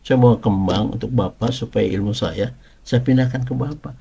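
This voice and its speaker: A man quoting a village mystic who urgently begs him not to leave, speaking in a lower, insistent voice. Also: moderate pace, gravelly, dark tone, slightly rough. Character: older village man boasting of powers.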